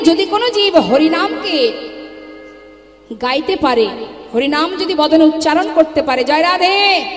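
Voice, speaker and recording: A woman kirtan singer who chants devotional refrains and then preaches to a live gathering, calling her listeners baba and ma. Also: sits high. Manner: scolds chatting audience. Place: live religious gathering with seats for the audience. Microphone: through a sound system. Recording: echoey hall with long reverb, music behind.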